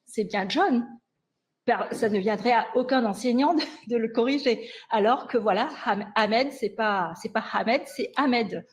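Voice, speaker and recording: Conférencière à la voix assez aiguë. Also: female voice, a little high, moderate pace, few pauses, a little mellow. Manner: hesitant, often restarting and self-correcting. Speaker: lecturer in language sciences. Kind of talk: conference lecture with slides.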